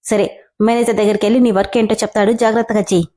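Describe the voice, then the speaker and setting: A woman's voice: medium pitch, flat delivery, very fast, mellow, lightly acted. A woman voicing a stern young man, a company boss, with clipped scolding commands in a story reading.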